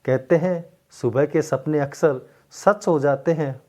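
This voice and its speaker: A man's voice: a little high, a little slow, mellow, natural voice. A man voicing a kindly, joking older father-in-law in a storybook tale. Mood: playful. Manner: joking, playful.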